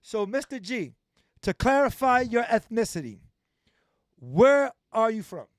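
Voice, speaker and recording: Hosting a laid-back livestream interview, a man speaks a little slowly in a very high voice with big swings in pitch. He hammers his points through repetition, and the audio carries no echo at all.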